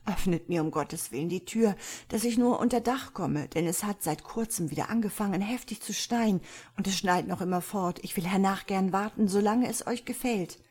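A woman's voice: medium pitch, moderate pace, darkish tone, breathy edge, close to an everyday voice. A woman voicing a freezing young male scholar who begs desperately to be let in, for a storybook reading. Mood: pleading. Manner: pleading, desperate.

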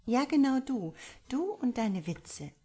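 A woman's voice: on the high side, sing-song, slow pace, mellow, slightly rough, pitched above the performer's own voice, full character voice. A woman reading an audiobook, voicing an affectionate young woman who is a little impatient with her partner. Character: affectionate, hungry young woman on a romantic getaway.

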